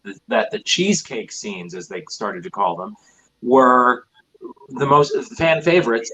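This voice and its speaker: A man's voice: mid-range voice, fairly bright tone, low-quality recording. A man speaking as a guest author, explaining things casually in an interview.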